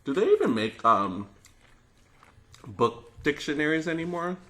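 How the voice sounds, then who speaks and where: A man chatting casually as a mukbang host, musing out loud in a loose, tentative way. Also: on the high side, sing-song, unhurried. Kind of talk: casual chat over a meal.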